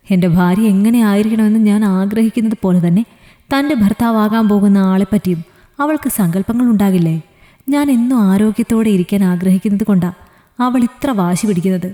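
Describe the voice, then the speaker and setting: A woman's voice: mid-range voice, dark tone, close to an everyday voice. A woman storyteller voicing a young man who pleads and jokes with his fiancée, in a reverberant room. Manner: pleading, joking. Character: young man, loving and gently teasing fiancé.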